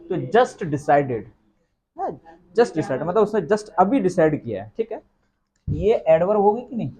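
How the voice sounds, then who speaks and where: A man's voice: high voice, very animated, a little slow, warm tone, breathy edge, low-quality recording. A man teaching English grammar in a classroom lecture, explaining step by step and asking the class questions, with an Indian accent.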